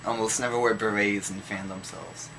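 A young man from France with a French accent, chatting in a low-energy, self-mocking way with friends in a dorm room. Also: steady tone, moderate pace, noisy background. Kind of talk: casual chat among friends.

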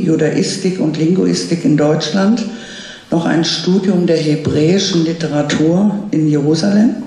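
A woman's voice: fairly low pitch, gravelly, mellow. A woman hosting an event, introducing the guest speaker with a handheld microphone at a lectern. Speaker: event host. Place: dark stage at a lectern. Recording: very echoey room.

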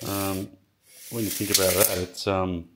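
Low-voiced man in his garage. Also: level tone, heavy background noise. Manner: halting, lots of ums and restarts while measuring. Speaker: home builder showing his project. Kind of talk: casual workshop walkthrough. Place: home garage workshop.

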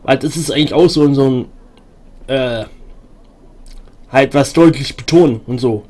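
A man's voice: mid-range voice, normal speed, dark tone. A man streaming a role-playing game, chatting casually with many fillers and restarts and reading game text aloud.

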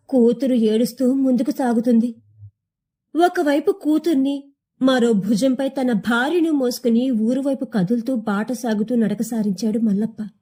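A woman's voice: fairly high pitch, dark tone. A young woman reading a short story aloud in a somber, emotive manner. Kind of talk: scripted narration of a short story.

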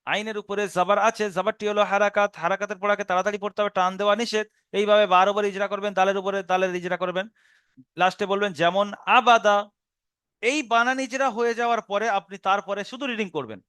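A man teaching Quran reading with a Bengali accent, explaining each step patiently and spelling out syllables slowly. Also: sits high, steady tone, fairly bright tone, clean tone, no echo, clean studio sound. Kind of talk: recorded online lesson.

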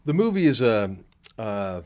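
A man's voice: on the low side, big pitch swings, unhurried, darkish tone. An older man, a film producer, answering interview questions at a convention with many fillers and restarts, into a handheld mic. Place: convention room before a poster wall. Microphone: handheld mic held by the interviewer.

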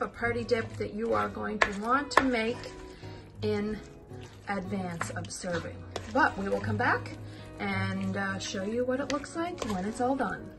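Chatty woman hosting a cooking video. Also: a little high. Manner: chatty, upbeat, addresses viewers as friends. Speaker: cooking channel host. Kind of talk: casual cooking tutorial. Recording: music playing underneath. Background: background music.

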